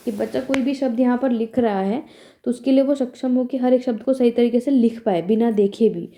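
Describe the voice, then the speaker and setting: A young woman teacher gives an exam revision lecture in a soft, mellow voice that sits a little high. She moves between Hindi explanations and slowly read English points. She keeps asking questions and answering them herself.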